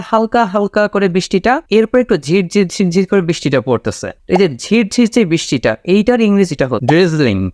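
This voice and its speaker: Guy teaching english words, pretty high voice, keeps saying okay and repeating stuff, dry close sound. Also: a little mellow, no room sound. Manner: explains slowly, repeats key words and checks with "okay?". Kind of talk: casual spoken lesson.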